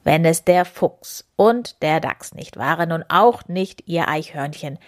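A woman's voice: sits low, expressive, unhurried. A woman voicing a grumpy, grouchy big male bear who grumbles and growls in a storybook read-aloud. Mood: grumbling.

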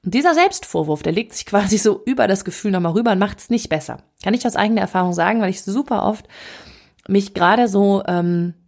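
Husky woman with a gravelly voice. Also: mid-range voice, animated, fairly quick, a little mellow. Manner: conversational, self-correcting, with quoted self-talk. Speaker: happiness coach. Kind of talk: casual advice talk.

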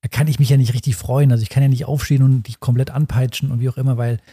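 A man's voice: mid-range voice, flat delivery, rapid-fire, mellow, slightly rough, no room sound. A man co-hosting a casual podcast chat, giving opinions and thinking aloud with many fillers. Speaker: podcast co-host.

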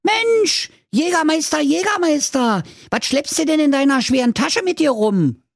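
An excitable squeaky boy piglet. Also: a little slow, creaky, no echo, clean studio sound, heavily acted. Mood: astonished. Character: eager helpful little male piglet.

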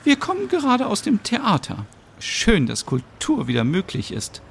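A man's voice: sits high, wildly swooping pitch, normal speed, creaky, slight background noise, pitched above the performer's own voice, full character voice. A man voicing a theatrical, upbeat woman friend in a one-man audio soap, talking in a gushing, sing-song way. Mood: effusive.

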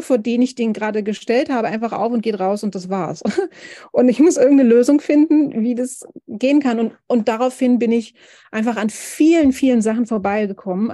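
Thoughtful woman, mellow, halting. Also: a little high, no echo, clean studio sound. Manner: thoughtful, halting with many repeated starts. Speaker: podcast guest, family counselor. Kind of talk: casual podcast conversation.

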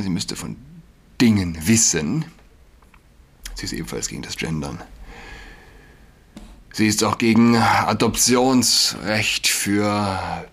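A man delivering an agitated, indignant monologue, dropping to hushed whispers and rising to loud outbursts. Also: deep voice, creaky, husky. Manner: ranting, indignant.

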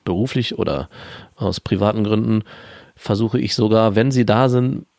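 Man, 30s, low gravelly voice, dry matter-of-fact podcast chat, close dry sound. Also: moderate pace, a little mellow, no room sound. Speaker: podcast co-host. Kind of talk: casual conversational podcast.

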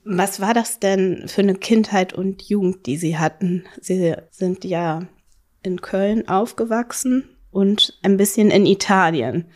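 A woman hosting a podcast interview, asking long and measured questions. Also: mid-range voice, darkish tone.

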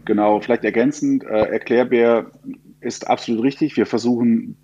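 A man's voice: mid-range voice, steady tone, moderate pace, mellow, no echo. A man talking in a casual podcast conversation, explaining with frequent fillers. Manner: gravelly, hesitant with fillers. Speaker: podcast guest, co-host of finance podcast. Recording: dry and dull, lo-fi.

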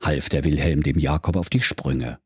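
A man's voice: very deep voice, normal speed, vocal fry, breathy edge, dry recording, clean studio sound. Man narrating a comic fairy tale. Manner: mock-solemn storytelling.

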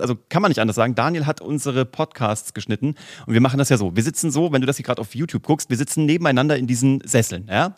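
A man co-hosts a marketing podcast in a casual, lively way, telling anecdotes quickly and laughing now and then. His voice sits at an average pitch. The recording is dry and close, with no room sound. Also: no room sound. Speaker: podcast co-host.

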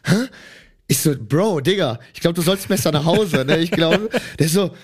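A young man, co-hosting a casual podcast and telling stories with lots of fillers. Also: moderate pace. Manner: animated storyteller, many fillers, rises in pitch when excited. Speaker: podcast co-host. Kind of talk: casual chat.

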